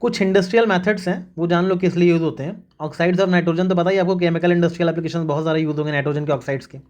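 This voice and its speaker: Slightly high and steady, this man's voice has a mellow quality with the highs cut off. He leads a quick revision class for exams, using mnemonics to drill facts and repeatedly saying "remember this" ("याद रखना") and "okay" ("ठीक है").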